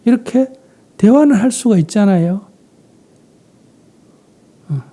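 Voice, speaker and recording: A man with a Gyeongsang Korean accent, a Buddhist monk calmly answering questions in a dharma talk, often trailing off into a breathy half-whisper. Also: high voice, takes it slowly.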